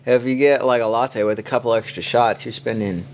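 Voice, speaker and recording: Fairly quick and medium-pitched, a podcast co-host from the Kansas City area chats casually, telling rambling, relaxed stories loaded with "like." Some slight background noise is audible.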